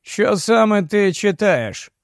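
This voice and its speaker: A man's voice: sits high, animated, slow pace, creaky, no echo, clean studio sound, exaggerated voice. A man voicing a wry male colleague. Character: ironic male office colleague, dry humor.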